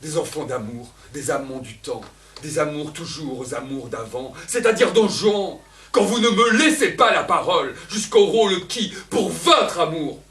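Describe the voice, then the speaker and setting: A man's voice: on the high side, animated, moderate pace, fairly bright tone. Elvire, a scorned lover crying out , as a man puts her on. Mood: pleading. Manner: impassioned, cries out in long outbursts. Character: Elvire, a scorned woman lover, desperate and raging. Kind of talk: theatrical stage declamation. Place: theatre stage. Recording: echoey theatre, voice from far off.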